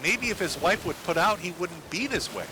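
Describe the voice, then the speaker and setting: A man's voice: sits high, expressive, moderate pace, noisy background. A man commentating on online drama while gaming, profane and mocking. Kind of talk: casual commentary.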